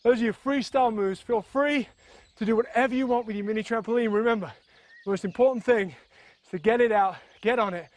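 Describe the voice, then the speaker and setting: A man's voice: very high-pitched, a little fast. A man leading a fitness video, talking energetically and a little out of breath as he bounces and demonstrates moves. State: slightly out of breath while exercising. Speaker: fitness instructor.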